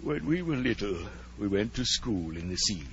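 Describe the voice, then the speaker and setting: A man playing a melancholy, nostalgic old turtle creature in a 1940s radio drama, with earnest, drawn-out pomposity. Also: lowish voice, very animated, fairly bright tone, a little hiss or hum. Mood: mournful nostalgia. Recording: dull, lo-fi 1940s radio recording.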